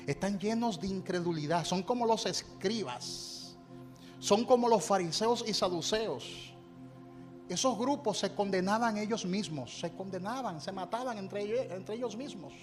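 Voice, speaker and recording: A man's voice: high voice, unhurried, soft background music. A male pastor preaching a sermon with emphatic, repeated refrains, calling on the congregation to repeat his words after him.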